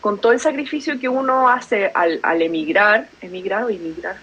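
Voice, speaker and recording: A young adult woman from Chile, with a Chilean Spanish accent, chats casually as a podcast guest in a conversational interview, laughing easily between thoughts. Her voice is mid-range and husky at a normal speed, and the recording sounds muffled.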